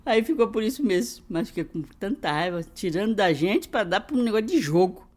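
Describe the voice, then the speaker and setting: A woman's voice: mid-range voice, brisk. A woman in her sixties with a Brazilian Portuguese accent, recounting family memories in an interview. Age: 60s. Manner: animated storytelling, laughing. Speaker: interviewee, narrator's mother. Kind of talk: casual interview.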